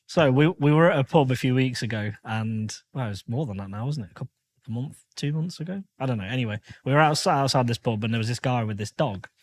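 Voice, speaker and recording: A man's voice: mid-range voice, fast. A man co-hosting a podcast in casual chat, easygoing and agreeable. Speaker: podcast co-host.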